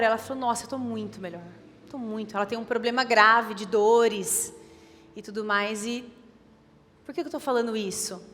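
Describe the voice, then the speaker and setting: Brazilian woman preaching, high voice, lots of repeating for emphasis, long church reverb. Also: a bit bright. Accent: Brazilian Portuguese. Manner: emphatic, repetitive exhortation. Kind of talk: sermon.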